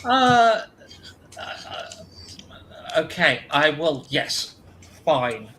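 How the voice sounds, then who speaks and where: A man acting as game master, describing scenes in a tabletop game slowly with frequent ums and uhs. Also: fairly high pitch, very animated, bright, forceful tone, slight background noise, low-quality recording. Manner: slow, halting with ums and uhs.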